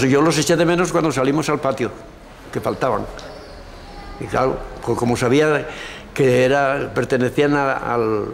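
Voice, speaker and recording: An older man with a gravelly, creaky voice and an accent from Spain recounts memories as a witness. He repeats words and voices remembered exchanges. The sound carries long reverb. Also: mid-range voice. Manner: anecdotal, acts out remembered dialogue, repeats words. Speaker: former political prisoner, eyewitness. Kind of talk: spontaneous oral testimony. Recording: long reverb, faint background noise.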